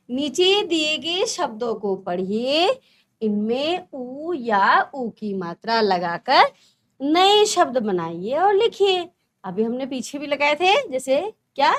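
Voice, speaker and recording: A woman teaching a first-grade language lesson, drawing out single words slowly in a sing-song way for young children. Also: sits high, a bit bright. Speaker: primary school teacher.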